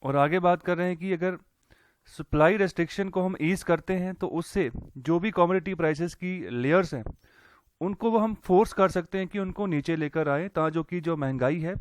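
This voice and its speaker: A man's voice: a little high, no echo. A man teaching economics in a casual lecture, walking through a newspaper editorial in a conversational way, with lots of fillers and English terms mixed in.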